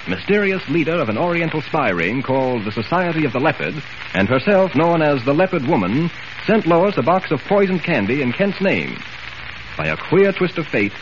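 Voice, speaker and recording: A man narrating a 1940s radio drama in a dramatic storytelling manner, heard as an old radio show broadcast. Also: fairly high pitch. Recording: muffled hissy 1940s radio transcription.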